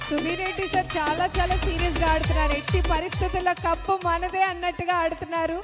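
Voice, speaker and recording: A woman's voice: extremely high pitch, little pitch movement, quick pace. A woman with a Telugu accent making live event announcements in a formal, courteous way. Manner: formal, courteous, honorific-laden. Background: loud music.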